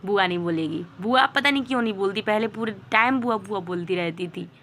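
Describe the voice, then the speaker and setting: A young woman filming at home, talking slowly to her toddler daughter and repeating simple words for her to copy. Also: medium pitch. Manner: slow, coaxing, repeating words for the child. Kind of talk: on-camera talk to a toddler. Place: home, indoors. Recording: phone video with noticeable background noise and clicks.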